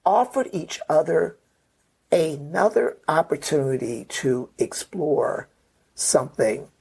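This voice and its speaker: As a podcast guest, a middle-aged man who writes memoirs meanders through a family story in interview fashion, often saying "right?" and "you know." His medium-pitched voice has vocal fry and a darkish tone, and the audio is slightly rough.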